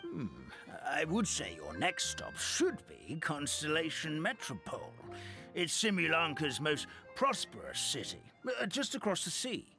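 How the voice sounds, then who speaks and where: An actor playing an excitable, reverent old man in a fantasy video game, with a theatrical, halting delivery. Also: a little high, over music, exaggerated voice. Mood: earnest. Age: older. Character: excitable old storybook townsman, earnest and reverent.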